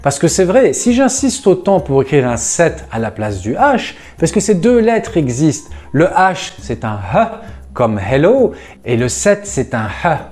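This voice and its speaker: Lively, animated male language teacher. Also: fairly high pitch. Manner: explains patiently, slows down to spell out words; lively, enthusiastic, addresses viewers as friends. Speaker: Lebanese Arabic teacher. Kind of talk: online language lesson.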